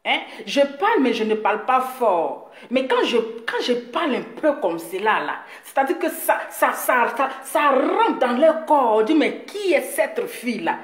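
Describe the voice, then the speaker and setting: A woman talking straight to her viewers in a boastful, mocking rant, teasing her critic with drawn-out words and frequent laughs. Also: sits high, very animated. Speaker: video blogger addressing her audience. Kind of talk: boastful direct-to-camera rant. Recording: echoey room.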